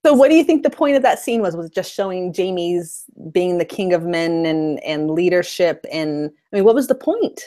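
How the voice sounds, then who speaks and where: A woman co-hosting a casual fan discussion, animated and incredulous, talking in quick bursts. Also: on the low side. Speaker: co-host.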